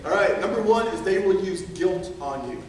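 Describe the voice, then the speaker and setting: A man preaching a sermon in a lively, playful way, acting out quotes in funny voices and laughing often, recorded in a church sanctuary. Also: high voice, normal speed, slight background noise. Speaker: pastor. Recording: very echoey church sanctuary from far off.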